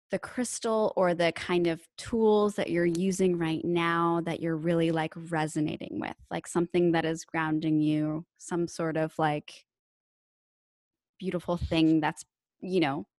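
A woman's voice: on the low side, level tone, measured pace, no echo, studio quality. A woman hosting a podcast, asking casual questions and gushing over her guest's answers. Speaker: podcast host. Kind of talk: casual interview chat.

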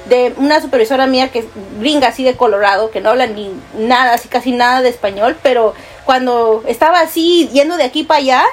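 A Peruvian woman with a Peruvian Spanish accent and a slightly high voice tells stories in a casual podcast chat. She acts out what people said and laughs easily. Faint hiss sits under her voice. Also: fast, few pauses. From Peru. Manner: animated storyteller, acts out quotes, laughs often. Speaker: podcast co-host.

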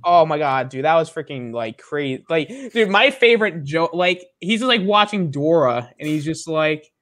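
A young co-host talks animatedly on a casual podcast, using lots of slang. The voice swings up and down in pitch and laughs often. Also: expressive, moderate pace, a bit bright. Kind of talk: casual chat.

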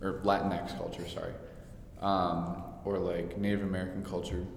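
A man's voice: low voice, little pitch movement, normal speed. A young man co-hosting a casual, candid chat in a very echoey, hard-walled room. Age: young adult. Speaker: podcast co-host. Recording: very echoey room, faint noise.

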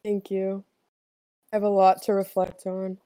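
A woman co-hosting a comedy podcast, playful and quick to laugh. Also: mid-range voice, completely flat delivery, dark tone, no echo. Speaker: podcast co-host. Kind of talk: casual comedy podcast chat.

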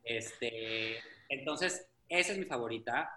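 Chatty drag performer, bright voice. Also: male voice, mid-range voice, animated, slow, echoey room. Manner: chatty, meandering with many restarts. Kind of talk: casual chat.

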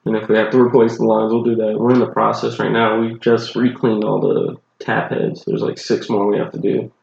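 A bartender with a Southern accent and groggy voice co-hosts a podcast, rambling loosely about his work and swearing casually in relaxed chat. His voice is lowish, creaky, and darkish, level in tone and fairly quick. The recording is muffled with an echoey room.

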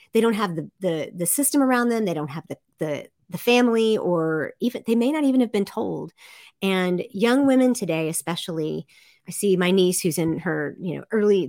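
A middle-aged woman speaking earnestly as a podcast guest, acting out quotes in a lively way. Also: no room sound, clean studio sound. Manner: earnest, animated, acts out quotes with big pitch jumps. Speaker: podcast guest, life coach. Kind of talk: casual interview chat.

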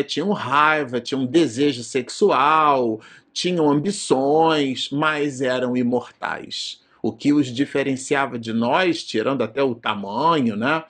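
Husky Brazilian man giving a rambling lecture. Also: fairly high pitch. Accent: Brazilian Portuguese. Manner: digressive, frequent filler tags and restarts. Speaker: presenter of a spiritist study program. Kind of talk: informal study lecture.

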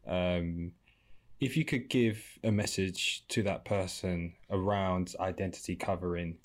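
Male host, very low voice, unhurried and careful interviewer. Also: steady tone. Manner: measured, drawn-out questions. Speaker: podcast host. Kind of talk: casual discussion.

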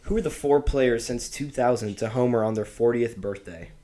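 A man's voice: medium pitch, normal speed, dark tone. A young man hosting a casual podcast, upbeat as he chats and reads out trivia questions. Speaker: podcast host. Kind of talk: casual chat.

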